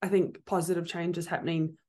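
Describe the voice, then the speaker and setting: Even-toned New woman interviewer. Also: on the low side, brisk. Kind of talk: conversational interview.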